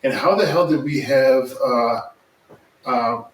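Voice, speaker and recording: A man's voice: medium pitch, slow pace, recorded from a distance. A man speaking as a podcast host and ex-player, in casual, emphatic, colloquial commentary. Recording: echoey room, off mic.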